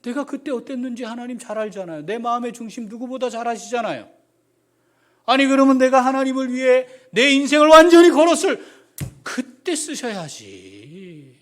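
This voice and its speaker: A man acting out an eighty-year-old Moses complaining to God in a soft, pleading voice, inside a sermon. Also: high voice, sing-song, slow, voice pushed up, heavily acted. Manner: complaining, pleading, softer than his preaching.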